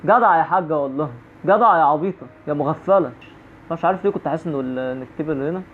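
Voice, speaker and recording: A man's voice: fairly high pitch, racing, a little hiss or hum. A man with an Egyptian Arabic accent giving jumpy horror-game commentary, repeating phrases over and over. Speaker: gaming YouTuber. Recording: tinny phone-like audio.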